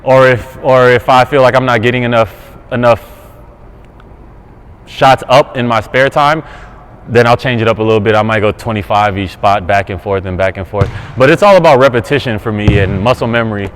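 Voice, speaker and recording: A man in his thirties from California, a basketball player talking casually as an interview guest, relaxed and full of fillers. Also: medium pitch, normal speed, clear, resonant tone. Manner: relaxed, easygoing, many fillers and restarts. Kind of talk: casual interview while shooting around. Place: indoor basketball court.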